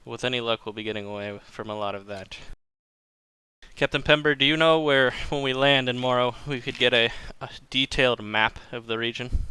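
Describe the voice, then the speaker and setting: Bright, smooth-voiced man playing a tabletop game. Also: medium pitch, brisk, no room sound, low-quality recording. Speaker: player. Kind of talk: tabletop role-play.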